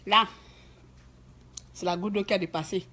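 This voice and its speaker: Indignant husky woman ranting. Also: on the high side, animated, normal speed. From Gabon. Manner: emphatic, indignant, dramatic storytelling with repeated "hein". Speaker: vlogger. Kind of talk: ranting monologue to camera.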